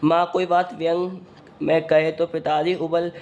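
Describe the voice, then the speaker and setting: Flat-voiced man explaining a lesson. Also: fairly high pitch, measured pace, muffled recording. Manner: reads a passage then retells it, saying "matlab" often. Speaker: teacher. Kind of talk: reading and explaining a textbook lesson.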